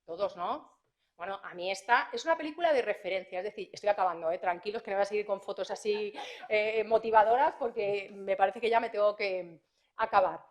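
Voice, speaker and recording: A woman prosecutor, giving a conference talk to parents in a lively, anecdotal way, acting out dialogues as she goes. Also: medium pitch, fairly quick, lo-fi sound.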